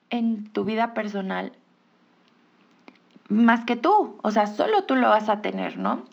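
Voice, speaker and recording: A woman's voice: fairly high pitch, vocal fry, lo-fi sound. A woman with a Mexican Spanish accent hosting a podcast, talking in a reflective, encouraging way and asking rhetorical questions. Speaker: podcast host. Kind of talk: reflective casual monologue.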